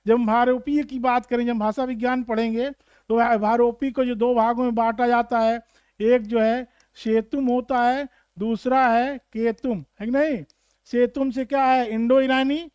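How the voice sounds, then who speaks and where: A man teaching Hindi literature for exam prep, explaining slowly and repeating points with questions to students. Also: extremely high pitch, a little mellow, clear, resonant tone, dry recording, clean studio sound.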